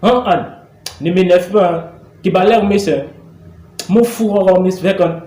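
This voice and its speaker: A man's voice: high-pitched, a little slow, mellow, reverberant. A man playing an irritable, scolding father. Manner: scolding, exasperated, swearing. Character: irritable, demanding father scolding his daughter. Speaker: actor in a comedy sketch. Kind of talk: comedy sketch acting.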